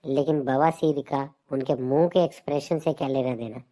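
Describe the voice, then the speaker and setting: This comedy channel host has a mid-range, dark voice with a steady tone and a moderate pace. Telling jokes and playing out sketches, he works as a jokey storyteller, mixing skit narration with dialogue.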